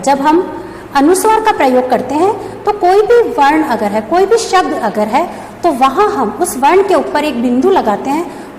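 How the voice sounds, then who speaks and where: A woman's voice: high-pitched, darkish tone. A woman school teacher giving a grammar lesson, explaining step by step and asking and answering her own questions. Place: classroom or school room. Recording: echoey room with long reverb, faint background hum.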